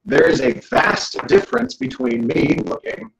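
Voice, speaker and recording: A man giving a joking, animated lecture to an audience as a guest speaker. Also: extremely high pitch, a little slow, vocal fry, reverberant, poor audio. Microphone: camera.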